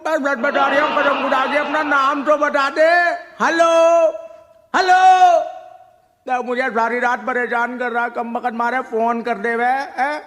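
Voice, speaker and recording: A man's voice: extremely high pitch, little pitch movement, moderate pace, few pauses, sharp tone. A man in a comic sketch, irritable and scolding, laughing as he rants. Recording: hall reverb with clear noise.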